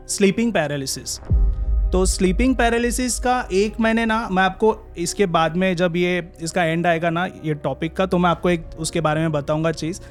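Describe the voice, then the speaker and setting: A young man, a podcast guest, telling a personal story in a casual, halting way with many pauses and restarts. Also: on the high side.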